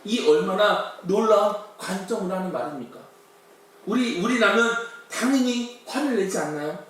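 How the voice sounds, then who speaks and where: Guy preaching a sermon, high voice, heard from far off in a really echoey church. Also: lively intonation, normal speed, fairly bright tone. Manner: rhetorical questions, acts out quoted complaints.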